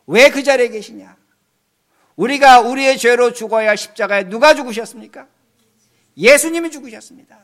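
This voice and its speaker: Man, pastor, high voice, preaching a sermon, loud peaks and soft low asides. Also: normal speed, pauses often.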